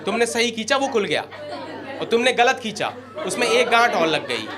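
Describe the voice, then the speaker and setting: A young man performing stand-up comedy on stage, telling a story in an animated way and acting out characters in quick asides. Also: very high-pitched, crowd noise. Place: comedy stage before a live audience. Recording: live stage mic with loud audience laughter.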